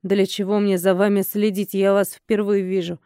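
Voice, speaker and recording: A woman's voice: medium pitch, level tone, normal speed, mellow, clean tone, no echo, close to an everyday voice. Mysterious mocking male stranger, sly and teasing, put on by the female narrator; dry close read. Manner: mocking, mock-innocent. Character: mysterious dark-haired man, mocking and sly. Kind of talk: audiobook character voice.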